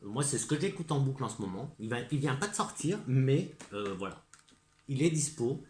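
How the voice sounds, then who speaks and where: A man's voice: medium pitch, lively intonation, fairly quick, a little mellow, roomy sound. A man with a French accent chatting casually as a vlogger, hesitant and full of fillers, and eagerly repeating his praise. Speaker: vlogger presenting gift ideas. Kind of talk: casual chat to camera.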